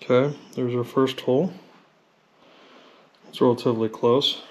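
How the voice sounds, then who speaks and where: A man's voice: medium pitch, noisy background. Guy in his garage workshop walking thru drilling a part, lots of uh and um, camera mic. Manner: relaxed, halting with frequent fillers. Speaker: mechanic demonstrating engine rebuild. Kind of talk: casual workshop tutorial. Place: home workshop at a drill press.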